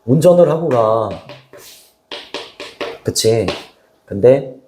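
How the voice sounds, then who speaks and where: A man's voice: medium pitch, lively intonation, very slow, noisy background. Casual, chatty male English teacher. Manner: casual, chatty, asks students rhetorical questions. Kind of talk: classroom lecture. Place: classroom.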